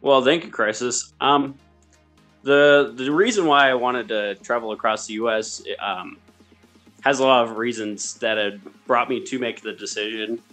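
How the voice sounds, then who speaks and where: A man's voice: mid-range voice, measured pace, a bit bright, faint music behind. A man from the United States speaking as an interview guest, giving a casual personal account in a hesitant, polite way.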